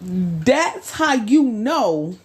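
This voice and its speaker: A woman co-hosting a podcast discussion, speaking emphatically with a preaching cadence and slow, stressed phrases. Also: fairly high pitch, sing-song. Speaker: podcast co-host.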